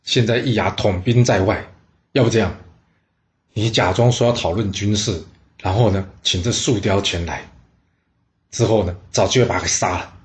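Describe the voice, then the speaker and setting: A man's voice: on the low side, moderate pace, pauses often, voice pushed down, close to an everyday voice. A man voicing a scheming male court official laying out a plan. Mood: urgent. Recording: roomy echo.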